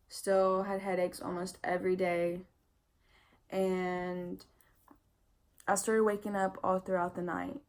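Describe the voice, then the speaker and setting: A young pregnant woman giving a casual vlog update, candid and chatty, full of "like" fillers, sounding tired. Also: medium pitch. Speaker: vlogger.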